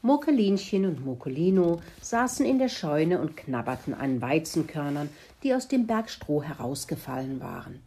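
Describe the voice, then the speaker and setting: A woman reading a children's animal story aloud in an expressive way. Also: sits low, normal speed, few pauses, slightly rough.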